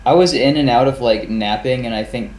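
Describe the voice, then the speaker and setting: A man's voice: mid-range voice, a little fast, darkish tone, a little hiss or hum. A man co-hosting a podcast in casual chat, rambling and swearing as he acts out his reactions. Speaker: podcast co-host. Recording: roomy echo.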